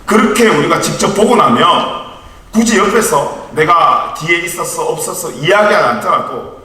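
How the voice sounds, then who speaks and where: Captured from a distance in a reverberant church hall, a youth ministry evangelist in his thirties shares family anecdotes with light humor in a chatty sermon. He speaks at a normal speed, his fairly high voice bright and forceful with lively intonation.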